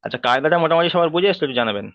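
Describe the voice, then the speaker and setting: A man teaching a Quran recitation class online, patiently repeating and spelling out letters slowly. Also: on the high side, animated, no echo, dull audio.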